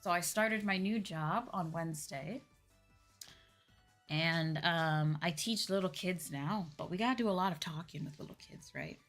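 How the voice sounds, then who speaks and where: Over background music, a VTuber streamer in her young adult years answers her chat in a relaxed, unhurried way. Her pitch sits fairly low with a slight brightness, and she muses hesitantly, her voice somewhat worn and sore from talking all day.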